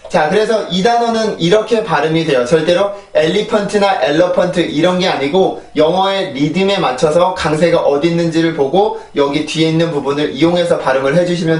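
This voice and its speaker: A man's voice: on the high side, darkish tone, far from the mic. A man teaching English pronunciation, explaining step by step and drilling words aloud in repeated sets. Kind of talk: online pronunciation lesson. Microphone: shotgun mic on a phone. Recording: roomy echo, voice set back from the mic.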